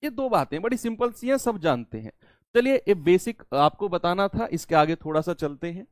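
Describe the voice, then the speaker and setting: Guy teaching maths in a high voice, keeps asking questions and answering them himself, dry close sound. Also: lively intonation, moderate pace, no room sound. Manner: repeats key terms in two languages, asks and answers his own questions. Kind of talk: classroom-style maths lesson.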